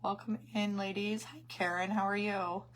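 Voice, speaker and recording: A woman with a hoarse, failing voice that cuts in and out, chatting casually as she hosts a craft livestream and greets her viewers. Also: medium pitch, level tone, moderate pace. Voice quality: hoarse, voice cutting in and out. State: losing her voice after coughing.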